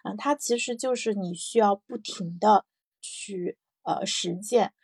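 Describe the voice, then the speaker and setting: Woman chatting reflectively, with a creaky, husky voice. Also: mid-range voice, unhurried, darkish tone, dry recording, clean studio sound. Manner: conversational, thinking aloud with repeated phrases and rhetorical check-in questions. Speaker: host of a personal morning audio show. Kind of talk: casual reflective solo podcast talk.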